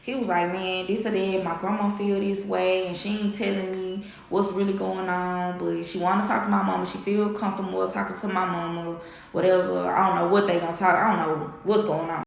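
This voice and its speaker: A woman's voice: fairly low pitch, brisk, gravelly. Candid woman telling an emotional story, echoey room. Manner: candid, animated, quotes others in dialogue. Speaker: vlogger.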